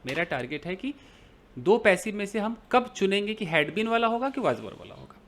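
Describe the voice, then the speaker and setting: A man's voice: high voice, sing-song, moderate pace, a bit bright, a little hiss or hum. A man teaching an English grammar lesson in Hindi, explaining with everyday examples and asking and answering his own questions.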